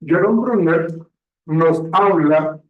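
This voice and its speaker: A man teaching a classroom lecture, often pausing to check understanding, recorded from a distance in a classroom. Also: fairly high pitch. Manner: slow, checks understanding with frequent "¿sí?". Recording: echoey room, distant mic, dull sound.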